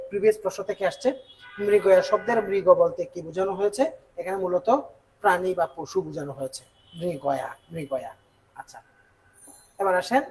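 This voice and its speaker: High-voiced man tutoring exam answers. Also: rough recording. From Bangladesh. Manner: repeats key words, asks quick check questions. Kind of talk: exam question walkthrough lesson.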